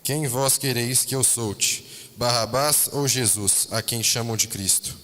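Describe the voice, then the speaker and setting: A man reading the part of the Roman governor Pilate in a liturgical Passion reading, with firm, measured questions. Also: mid-range voice, pushed and bright. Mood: questioning. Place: large church. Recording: echoey church hall.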